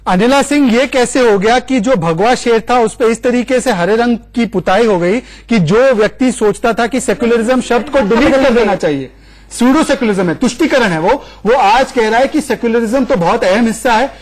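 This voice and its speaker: A man's voice: very high-pitched, moderate pace. A man anchoring a televised news debate, pressing guests with pointed questions and cutting in on them. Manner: pressing, repeatedly cuts in on guests.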